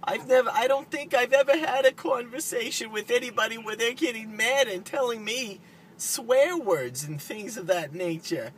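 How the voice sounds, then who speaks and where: A man's voice: moderate pace, a bit bright. A man voicing a chatty, easily flustered older woman who talks over people with condescending endearments on an improvised prank call. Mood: indignant. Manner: interrupting, calls listener sweetheart and honey. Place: inside a parked car. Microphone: camera across the front seat. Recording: noisy car interior, vehicle rumble.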